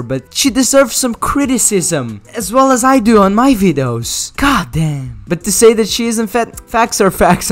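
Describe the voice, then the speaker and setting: Young man joking through crude commentary. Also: high voice. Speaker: commentary YouTuber. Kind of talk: casual comedic commentary.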